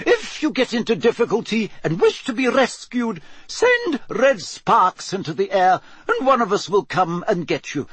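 A man voicing a brisk, stern female witch professor in an audiobook, giving instructions formally. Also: high voice, very animated, breathy edge, no room sound, voice pushed up, full character voice. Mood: brisk, serious. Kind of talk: audiobook character voice.

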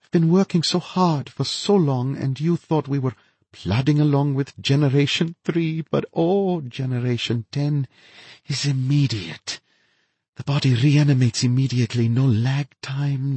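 A man voicing a feverish, unhinged woman scientist who gloats in a high, breathy, lilting voice. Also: steady tone, measured pace, dark tone, no room sound. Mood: gloating.

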